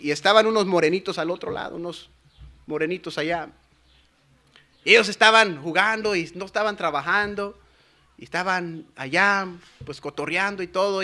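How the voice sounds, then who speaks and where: A pastor from Los Angeles, preaching to young people and telling a lively story that builds to fervent shouting. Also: male voice, high-pitched. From Los Angeles, USA. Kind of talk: sermon at a youth conference.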